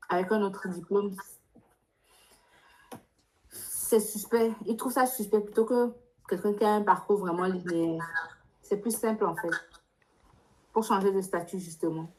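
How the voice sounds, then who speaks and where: A woman adviser, leading an international students' workshop, explains spontaneously in a live Q&A, insistent and directive with probing questions. Her mid-range, darkish voice is steady at normal speed with frequent pauses, captured on a rough recording.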